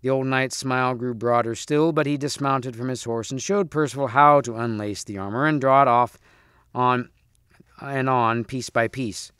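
A man reading a storybook aloud to students, steady with small slips and restarts. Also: mid-range voice, normal speed, smooth, no room sound, clean studio sound. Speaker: reader.

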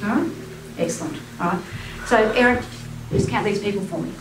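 A woman's voice: mid-range voice, brisk, music in the background. A woman working as a stage hypnotist, giving repeated, instructing suggestions to volunteers in a comedy show. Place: indoor hall with small stage and audience. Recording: roomy, distant mic, loud noise.

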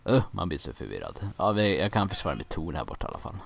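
A young Swedish man rambles through commentary on his own gameplay, joking, getting confused, and swearing mildly now and then. His low voice is very animated, with vocal fry and a slight hiss or hum in the audio.

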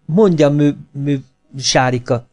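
A man's voice: fairly high pitch, darkish tone, faint music behind, voice pushed up, natural voice. A man voicing a shy, smitten young writer who speaks hesitantly and eagerly in an audiobook.

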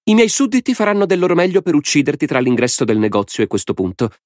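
A gleeful, mad villain lord, put on by a male audiobook reader, mocking and sing-song in his grand theatrics. The voice sits well above the reader's own low tone and swings widely. The recording is dry and close. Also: big pitch swings, fast, dry recording. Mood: gleeful menace. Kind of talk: audiobook character voice.

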